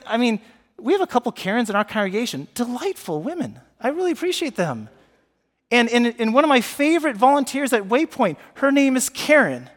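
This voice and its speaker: A man delivers a sermon from the pulpit, lively and engaging, often turning to quiz the congregation. His voice sits high for a man. The sound carries a long reverb from the church sanctuary. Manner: animated, asks the congregation questions. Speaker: pastor.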